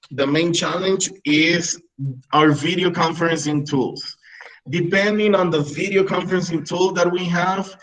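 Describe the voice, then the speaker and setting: Here a Peruvian man in his thirties teaches English teachers through a webinar on a video call. A native Spanish speaker, he has a somewhat high, slightly bright voice and an explanatory manner, peppered with "right?" The sound quality is poor.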